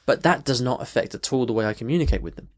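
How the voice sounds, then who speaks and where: A man of medium pitch hosting an audio lesson. He talks off the cuff, backtracking and rephrasing as he goes, and keeps checking in with the listener. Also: rapid-fire. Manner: conversational, many restarts and "okay" check-ins. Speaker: language teacher, podcast host. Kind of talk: unscripted podcast lesson. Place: in London.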